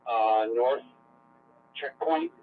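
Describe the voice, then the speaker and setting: A man's voice: mid-range voice, wildly swooping pitch, very slow, a crowd in the background. A man working a road checkpoint, reporting over a two-way radio in clipped radio procedure with call signs and sign-offs. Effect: two-way radio transmission. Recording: tinny two-way radio with hiss.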